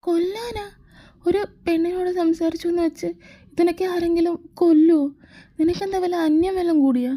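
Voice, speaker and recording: A woman's voice: a little high, level tone, takes it slowly, long pauses, dark tone, husky. A woman voicing a playful, teasing young man in love in a fan audio drama, with a whiny, teasing manner. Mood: indignant.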